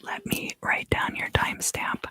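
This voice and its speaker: A livestream host softly whispers an ASMR tarot reading in a soothing, unhurried way, and the recording sounds roomy.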